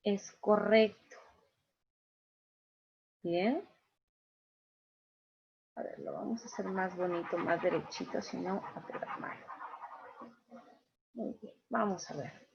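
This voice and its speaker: A woman teacher gives an online class lecture in a medium-pitched voice with vocal fry, taking it slowly with long pauses. She explains patiently step by step and often checks in with her students. The recording is dull and lo-fi.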